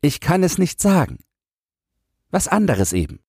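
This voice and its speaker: A man's voice: on the high side, huge pitch swings, a little slow, breathy edge, dry recording, studio quality, voice pushed up, exaggerated voice. A man voicing a scared, stubborn young boy. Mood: evasive. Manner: timid, stubborn, quietly grieving. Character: frightened nine-year-old boy guarding rubble. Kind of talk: audiobook character voice.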